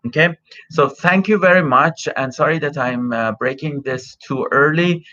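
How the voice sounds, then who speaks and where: This immigration consultant, a middle-aged native Farsi speaker, runs a live Q&A stream, taking viewer questions one by one. He talks at a normal speed in a slightly high voice that sounds pushed and bright, stumbling through plenty of fillers and false starts. Everything is captured on a cell phone, so the sound is dull and low-fidelity.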